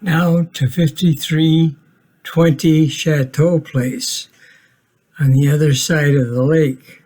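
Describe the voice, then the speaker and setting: Man, 80s, from Minnesota; slow, matter-of-fact home-video narration, dry humor. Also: a little high, fairly even intonation, a little mellow. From Minnesota, USA.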